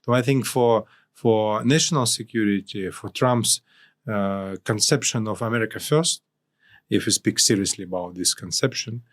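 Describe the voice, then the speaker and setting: A man from Ukraine, speaking as a guest analyst in an interview, with halting phrasing and frequent restarts. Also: lowish voice. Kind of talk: interview discussion.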